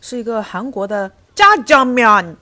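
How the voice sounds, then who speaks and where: A woman's voice: fairly high pitch, very animated, measured pace, sharp tone. A woman with a Shanghai accent chatting casually about food. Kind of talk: casual chat.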